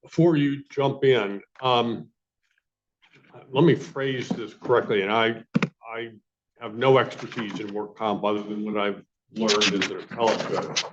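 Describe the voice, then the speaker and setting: Male appellate judge, lowish voice, measured questions, muffled room with faint hiss. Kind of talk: questioning counsel in court. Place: courtroom.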